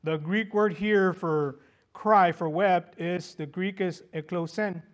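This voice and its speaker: A man's voice: high voice, steady tone, slow. A male preacher delivering a sermon to his congregation, repeating each passage in two languages with growing fervor. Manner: switches between Spanish and English, repeating each passage; addresses the congregation as brothers, rising in fervor. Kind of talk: bilingual sermon.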